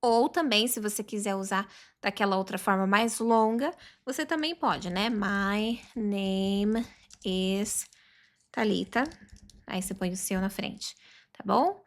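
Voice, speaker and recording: A woman teaching a beginner English lesson online, drawing out model phrases slowly and often checking in with her students. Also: medium pitch. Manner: slow, drawn-out model pronunciations with frequent "tá?" check-ins.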